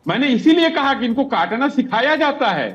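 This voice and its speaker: A man's voice: very high-pitched, very animated, moderate pace, highs cut off. A man speaking as a panelist in a TV news debate, making pointed, accusatory arguments.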